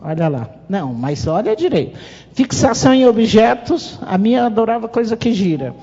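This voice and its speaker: Brazilian woman, middle-aged, husky and gravelly, animated speaker at a parents' meeting, long hall reverb, muffled. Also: a little high, normal speed. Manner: lively storytelling, acting out quoted dialogue. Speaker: mother and parent-association speaker. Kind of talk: public talk at a family meeting. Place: conference hall. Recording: reverberant hall, dull lo-fi sound.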